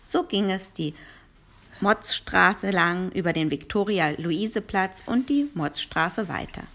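A woman narrating a children's novel aloud in a lively storytelling manner. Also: medium pitch, slow pace.

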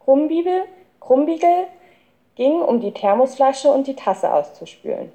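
A woman reading a children's book aloud as an expressive storyteller. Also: high voice, unhurried. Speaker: audiobook reader. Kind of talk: scripted narration of a children's book.

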